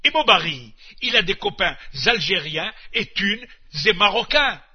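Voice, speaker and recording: A man's voice: high-pitched, animated, unhurried, breathy edge, exaggerated voice. A man voicing an exasperated middle-aged housewife with a North African French accent, rattling off long lists of chores and dishes. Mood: gossipy. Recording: muffled old radio recording.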